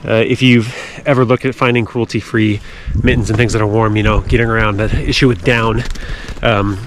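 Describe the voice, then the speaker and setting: Amid clear outdoor noise, a man with a fairly low voice narrates his winter hike. He speaks casually and a little haltingly, like a trail vlogger updating viewers from a snowy mountain. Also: level tone. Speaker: hiking vlogger. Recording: clearly noisy outdoor recording with clicks.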